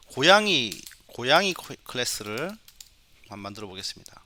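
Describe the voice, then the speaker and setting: A man's voice: medium pitch, pushed and bright. A middle-aged male professor giving a recorded lecture demo, coaxing his students along with questions. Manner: imitates animal sounds for the mic.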